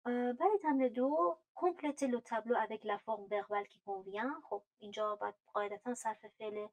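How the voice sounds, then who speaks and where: A Persian-speaking woman teaching a French grammar lesson, explaining patiently with frequent fillers and reading French verb forms aloud slowly. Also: a little high, a little mellow, highs cut off.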